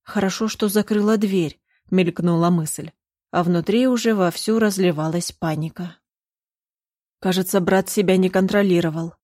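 A woman's voice: on the low side, steady tone, moderate pace, a little mellow, dry recording, clean studio sound. A woman narrating a first-person story in a tense, dramatic reading. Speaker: audiobook narrator.

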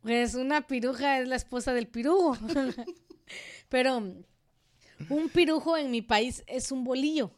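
A woman from Central America with a Central American Spanish accent, co-hosting a casual radio chat and telling stories in an outspoken, animated way. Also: sits high, measured pace. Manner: outspoken, animated storytelling with asides. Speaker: radio co-host. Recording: studio radio microphone.

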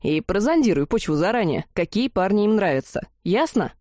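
A woman's voice: mid-range voice, very animated, brisk, mellow, no echo, studio quality, natural voice. A woman voicing a restless, big-eared young man who talks in a brash, teasing way. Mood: bossy.

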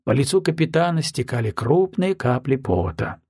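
A man narrating a novel in steady, scripted storytelling. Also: medium pitch, moderate pace, husky, no room sound, clean studio sound. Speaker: audiobook narrator.

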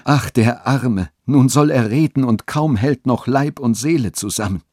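A man's voice: medium pitch, animated, unhurried, a little mellow, dry recording, studio quality, pitched above the performer's own voice. A man reading a radio story, voicing a frail, pious old peasant woman who pleads and laments. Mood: lamenting.

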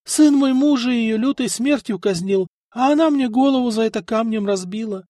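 A man's voice: fairly high pitch, expressive, normal speed, darkish tone, no echo, clean studio sound. A man putting on a pleading old peasant woman. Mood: sobbing, pleading. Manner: mumbling, pleading, sobbing. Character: old widowed peasant woman, frightened then tearful.

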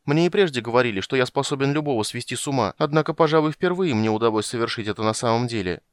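A man voicing a small, excitable and fretful kender man who talks nervously and eagerly. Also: lowish voice, fast talker, clean tone, no echo, lightly acted. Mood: glum.

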